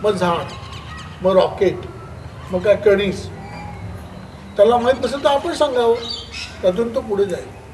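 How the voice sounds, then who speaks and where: High-voiced man speaking from a distance. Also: a little slow, long pauses. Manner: lively storytelling, acts out parents' and children's voices. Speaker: education speaker. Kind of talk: public talk to parents. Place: school hall. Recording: distant mic with clear background noise.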